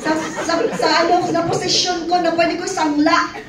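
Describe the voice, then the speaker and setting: A woman's voice: extremely high pitch, little pitch movement, normal speed, a crowd in the background. A middle-aged woman giving a personal testimony to an audience, telling her story with laughter and acted quotes. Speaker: testimony speaker. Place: event hall. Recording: echoey hall from far off, audience faintly behind.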